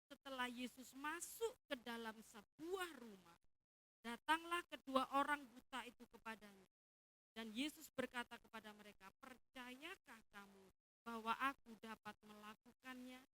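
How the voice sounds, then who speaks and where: A woman pastor preaching a sermon, acting out her congregation's complaints in a lively, raised voice. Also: on the high side, moderate pace, slight background noise, rough recording. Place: church.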